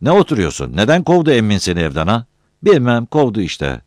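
A man's voice: lowish voice, huge pitch swings, fairly quick, no echo, clean studio sound, pitched above the performer's own voice. A man voicing a self-important village headman who talks down and gives orders. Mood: bossy. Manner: bossy, patronizing.

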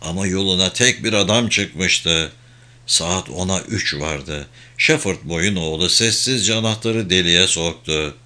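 A man reading a thriller novel aloud in a measured, dramatic narration. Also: fairly low pitch, pushed and bright. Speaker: audiobook narrator. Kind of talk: scripted audiobook narration.

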